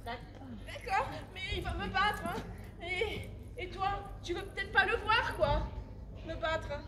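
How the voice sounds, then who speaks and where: Woman acting a high-pitched, naive medieval wife. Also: lively intonation, takes it slowly, echoey room, a crowd in the background, exaggerated voice. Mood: fearful. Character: timid, obedient medieval wife with a greedy streak. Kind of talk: open-air farce acting.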